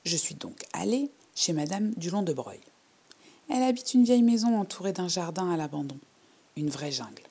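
A woman voicing a shy, overly polite little girl who tells her own story in a hushed, timid way. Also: on the low side, lively intonation, moderate pace, slightly rough. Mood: earnest. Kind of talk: storybook reading.

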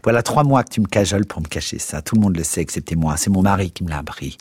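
A man reading aloud, voicing a furious, betrayed woman who hurls shrill accusations at her lover. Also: darkish tone, husky, no room sound. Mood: bitter. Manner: shrill accusing outbursts, fast and raised.

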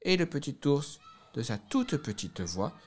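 Un homme qui lit un conte de fées à voix haute, avec des accents appuyés et traînants. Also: male voice, fairly high pitch. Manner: expressive, drawn-out emphasis. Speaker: storyteller. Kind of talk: reading a fairy tale aloud.

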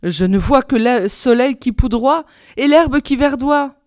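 A woman voicing a young sister who calls down her reports from a tower in a raised, high voice. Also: a little slow, darkish tone, dry recording, studio quality. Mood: calling out. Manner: high, calling out.

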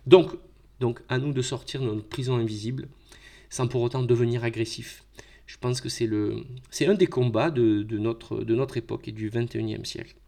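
A man's voice: mid-range voice, fairly even intonation, moderate pace, gravelly, warm tone. A middle-aged French man hosting an improvised solo podcast, thinking aloud with many fillers and repeated words. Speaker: podcast host.

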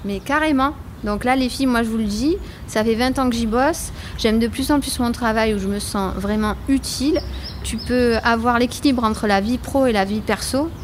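A woman's voice: fairly high pitch, moderate pace, slight background noise, close to an everyday voice. A woman playing a proud, contented long-serving social security worker, chatty and persuasive, in an amateur audio drama. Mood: enthusiastic. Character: Soline, proud contented female social security veteran of twenty years.

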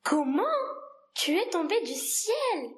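In a storybook read-aloud, a woman voices a small, curious boy prince, her voice high, animated and slow. She delivers his lines earnestly and insistently, with a childlike questioning tone.

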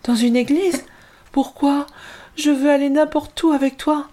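A woman reading a storybook and voicing a frightened young girl in a high, pleading voice. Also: fairly even intonation, measured pace, dark tone. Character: frightened young girl clinging to her mother.

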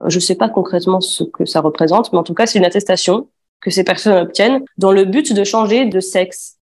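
A woman's voice: mid-range voice, brisk, a little mellow. A woman in her twenties from Afghanistan, giving a spoken personal testimony with frequent fillers and restarts. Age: 20s. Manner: hesitant, many fillers and restarts.

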